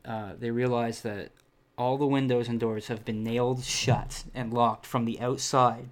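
A man's voice: mid-range voice, fairly even intonation, measured pace. A man reading a children's horror book aloud, breaking off with laughs and casual asides. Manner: laughing asides, many fillers. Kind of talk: casual read-aloud with commentary.

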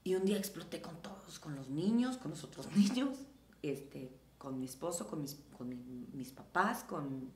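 A middle-aged Mexican woman talking casually in an interview, animated and acting out quoted dialogue. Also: low-pitched, normal speed, echoey room, a little hiss or hum. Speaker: guest.

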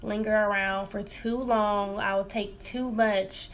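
A woman's voice: medium pitch, fairly even intonation, slow pace. A woman co-hosting a podcast in casual chat, speaking in a confiding, reflective and informal way. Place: room in a library.

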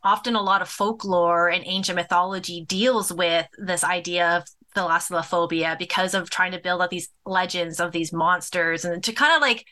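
Podcast co-host, woman, slight lisp, bright voice, excitable rambling chat. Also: fairly low pitch, moderate pace, few pauses. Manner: excitable, rambling with many fillers.

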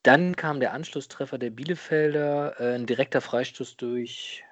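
Man recounting deliberately, very dry sound. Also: mid-range voice, dry recording. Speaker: podcast guest. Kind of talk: casual recounting of a football match.

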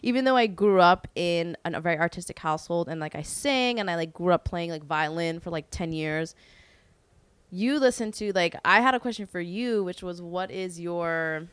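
Smooth, low-pitched young woman, dry sound. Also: normal speed, dry recording. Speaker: podcast co-host. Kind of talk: casual chat.

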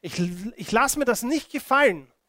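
A man voicing a brave, defiant young shepherd boy with quiet, earnest insistence. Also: very high voice, animated, measured pace, no echo, clean studio sound, full character voice. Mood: determined.

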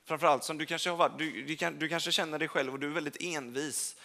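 Young man, preacher, gravelly voice, slightly high, informal rambling sermon, church service. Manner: casual, rambling, self-correcting, warm direct address to congregation.

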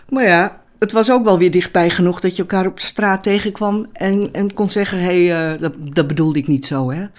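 A woman's voice: medium pitch, a little mellow. Older woman, chatty, hesitant, reminiscing in interview. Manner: chatty, hesitant, many fillers and restarts. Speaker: former commune resident.

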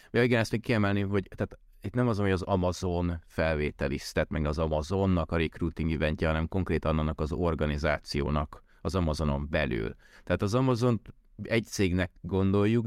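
Casually interviewed on a podcast, a Hungarian man who left home for tech work abroad speaks in a low-pitched, smooth voice, often rewording and returning to points mid-sentence. Clean studio sound, no echo.

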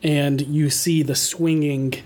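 A game master narrating a tabletop game in measured phrases with dramatic pauses. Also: medium pitch, level tone, a little mellow.

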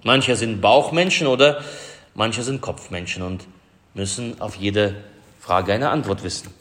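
A man preaching a sermon as pastor in a church, slow and measured, rising for emphasis. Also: on the low side, a bit bright. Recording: long reverb of a church hall.

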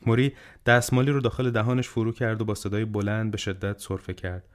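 A man narrates an audiobook at a steady, measured pace. His voice sits somewhat low. The delivery is even and storytelling.

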